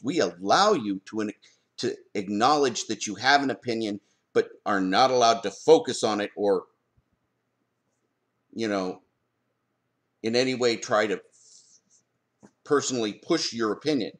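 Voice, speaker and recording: A man talking in an opinion vlog as a parent. He argues forcefully, stops to ask pointed rhetorical questions and answers them himself. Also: lowish voice. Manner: emphatic, argumentative, fires rhetorical questions. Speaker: parent commenting on school board policy.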